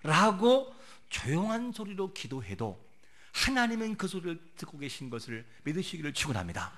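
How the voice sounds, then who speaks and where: A man preaching a sermon as a pastor, asking rhetorical questions and moving between soft and loud delivery. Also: on the high side, huge pitch swings, normal speed, crowd noise.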